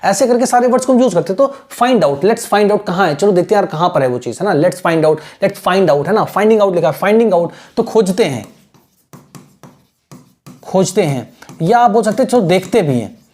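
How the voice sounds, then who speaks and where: A man's voice: high voice, expressive, moderate pace, darkish tone. A male teacher giving a screen-share language lesson, patiently repeating points, checking in with the viewer and drilling pronunciation syllable by syllable. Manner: mixes English phrases into his explanations.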